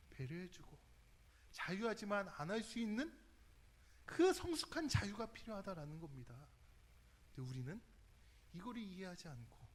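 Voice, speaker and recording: Lively high-voiced Korean pastor preaching. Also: male voice, a little hiss or hum. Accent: Chungcheong Korean, drawn-out speech. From Chungcheong region, Korea. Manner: lively and conversational, asks the congregation questions. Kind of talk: youth service sermon.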